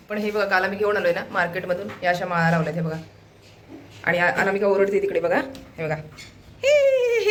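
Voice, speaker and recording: A woman's voice: medium pitch, a little hiss or hum. A woman from Maharashtra chatting casually to viewers as she shows around her home, keeping up a running commentary. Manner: chatty, keeps pointing things out to viewers. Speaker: family vlogger. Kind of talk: casual home vlog narration. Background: background music.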